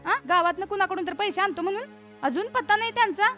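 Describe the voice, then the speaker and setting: A woman's voice: very high-pitched, animated, fast talker, sharp tone, soft background music, exaggerated voice. A fretful mother. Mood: worried nagging. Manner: fretful, nagging. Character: worried poor village mother, fretful and nagging. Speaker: mother of a schoolboy.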